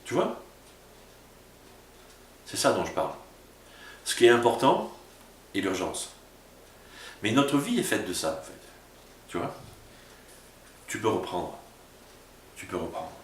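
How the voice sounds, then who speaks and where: A pastor speaks to small groups in an informal sermon style, often checking in with the listener. His voice sits low and reaches the mic from across an echoey room. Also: sing-song, slow, long pauses, slight background noise. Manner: informal, addresses listener as tu, frequent "tu vois". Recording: roomy echo from a distance with faint ambience.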